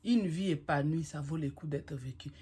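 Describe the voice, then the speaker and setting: A woman's voice: low voice, moderate pace, dark tone, husky. A woman vlogger giving relationship advice to camera in an emphatic, repetitive way, mixing in English phrases. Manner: emphatic, repetitive, addresses listener as "my lover"; mixes French with English phrases. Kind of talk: motivational talk to camera.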